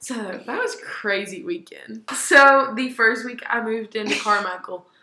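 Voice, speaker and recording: A young woman with a bright, forceful voice swaps stories as a podcast co-host, chatty and full of fillers. Her voice carries a roomy echo around it. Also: fairly high pitch, a little slow, slight background noise. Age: young adult. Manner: chatty, giggly storyteller with many fillers. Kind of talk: casual chat.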